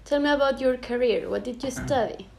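A woman's voice: high-pitched, brisk, vocal fry, a little mellow. A woman from Ecuador hosting a casual interview, speaking with enthusiasm. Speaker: host. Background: music.

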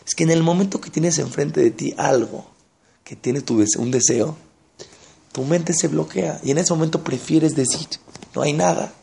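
A man preaching, retelling stories and pressing his audience with rhetorical questions. His voice is gravelly and sits fairly high, and his delivery is lively and direct. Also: moderate pace. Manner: animated storytelling, rhetorical questions, addressing the audience. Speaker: religious teacher. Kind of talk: sermon.

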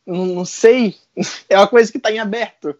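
A man with a Brazilian Portuguese accent, an interview guest telling a personal story in a casual, animated way with frequent laughs and slang. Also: high voice, brisk, dry recording. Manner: animated, laughs often, mixes in colloquial slang. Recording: dull lo-fi sound.

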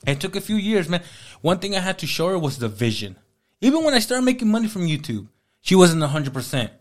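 His voice sits high and moves fairly quickly as this man in his thirties walks an interviewer through his life story. He's animated and casual, voicing lots of the dialogue himself.

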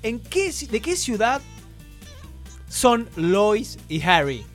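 A woman's voice: on the high side, slow, faint music behind. A woman with a Rioplatense Spanish accent hosting a casual trivia quiz on a podcast, reading questions with stumbles. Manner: animated, reads questions with stumbles and laughs.

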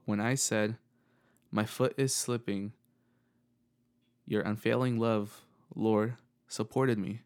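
A young man hosting his own podcast, talking in an earnest, reflective monologue with frequent halting restarts. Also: fairly low pitch. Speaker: podcast host.

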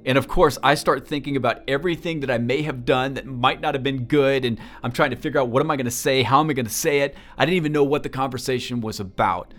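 A man telling a personal story in a talk, earnest and halting, often repeating words as he goes. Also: mid-range voice, a bit bright, soft background music. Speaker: speaker.

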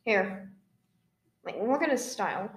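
A woman's voice: a little high, lively intonation, unhurried. A woman co-hosting a casual chat podcast, rambling and trailing off into restarts. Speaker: podcast co-host. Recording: roomy echo.

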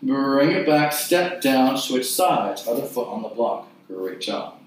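A man leading an exercise class, giving short, clipped cues and counting repetitions in a measured rhythm. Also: mid-range voice, sing-song, a little hiss or hum. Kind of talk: guided mat exercise instruction with counted repetitions. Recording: very echoey room, distant mic.

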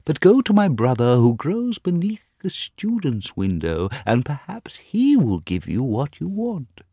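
A man's voice: fairly high pitch, huge pitch swings, a little slow, mellow, no echo, studio quality, pitched above the performer's own voice, exaggerated voice. A man voicing a stately rose tree in a storybook reading, speaking in a grand, ornate way. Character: proud rose tree with yellow roses.

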